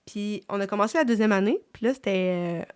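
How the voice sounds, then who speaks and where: A woman's voice: medium pitch, brisk, clear, resonant tone. Woman, Québécois accent, middle-aged, podcast host, reflective, fillers and restarts. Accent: Québécois French. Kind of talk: casual faith chat.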